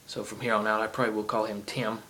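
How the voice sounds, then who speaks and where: Fast, forceful, and bright, a fairly low-pitched man with a heavy Southern accent and little pitch movement rambles through a casual game rant. The chatty gaming vlogger fills it with ums and asides, and the iPod camera recording is rough.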